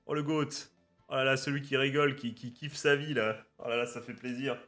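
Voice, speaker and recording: An excitable man talking straight to his viewers as he rips open card packs, mid-pitched and prone to cheerful swearing. His chat is loose and rambling. Soft music plays faintly underneath. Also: a little fast. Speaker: card-opening YouTuber. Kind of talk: casual unboxing commentary. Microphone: webcam setup at a desk.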